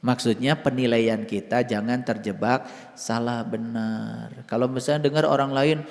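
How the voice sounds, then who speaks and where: A man's voice: mid-range voice, steady tone, moderate pace, gravelly. Sundanese-accented man teaching in a reverberant hall. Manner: conversational, shifts between soft murmurs and loud emphatic stresses. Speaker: Islamic spiritual teacher. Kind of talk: informal spiritual sermon.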